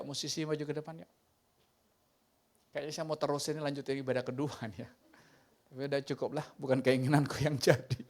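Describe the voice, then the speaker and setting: A male pastor preaching a sermon in a church, telling funny stories with slangy asides. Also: mid-range voice. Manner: humorous, animated storytelling with slangy asides. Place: church sanctuary.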